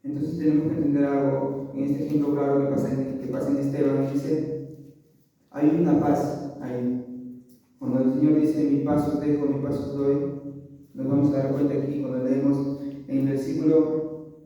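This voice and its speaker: A man's voice: medium pitch, level tone, moderate pace, mellow. A man preaching a sermon, earnestly calling his listeners brothers and often correcting himself. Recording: echoey hall, distant mic, dull.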